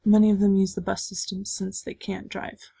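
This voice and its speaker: A woman's voice: mid-range voice, monotone, normal speed, vocal fry, warm tone, breathy edge, dry recording. A woman giving a prepared presentation as a speaker with slides.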